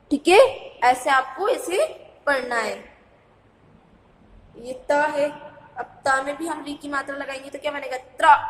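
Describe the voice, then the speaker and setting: Lady teacher with a high voice slowly sounding out letters for little kids, sing-song repeats, bit of echo in the room. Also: a bit bright. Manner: speaks of herself as ma'am in third person. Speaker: primary school teacher. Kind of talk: Hindi phonics lesson for young children.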